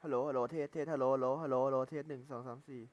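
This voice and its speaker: A man's voice: mid-range voice, fairly even intonation, rapid-fire, lo-fi sound. A man streaming a game live, chatting casually and repeatedly testing his mic.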